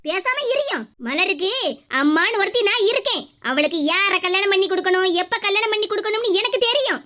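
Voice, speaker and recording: A sharp-tongued cartoon mother scolds in a Kanyakumari Tamil accent. Her voice sits very high and sounds bright and piercing. Her talk is sarcastic and cutting. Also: lively intonation, brisk, exaggerated voice. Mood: angry. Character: stern, scolding middle-aged mother. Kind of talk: cartoon comedy voice acting.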